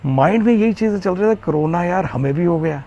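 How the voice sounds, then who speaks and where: A man with a Jammu Hindi accent tells his own story in an earnest, rambling way, circling back to points and padding with fillers. His voice sits mellow and dark. The recording is a little muffled, with faint background noise. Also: high voice, expressive, fairly quick. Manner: earnest, repeats himself, frequent fillers. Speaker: interviewee, Covid survivor. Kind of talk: recounting personal story in interview.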